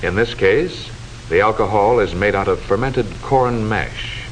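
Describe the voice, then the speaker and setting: In the manner of a 1940s educational film, a fairly low-voiced man delivers formal, measured, instructive scripted narration. The recording is low quality, with a hissy old soundtrack.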